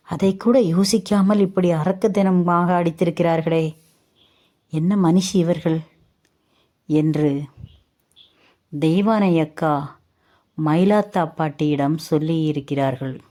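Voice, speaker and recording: A woman storyteller narrating a family drama at a very slow, measured pace. Her voice is low and mellow, with a dark, soft tone. The telling stays heavy and deliberate throughout.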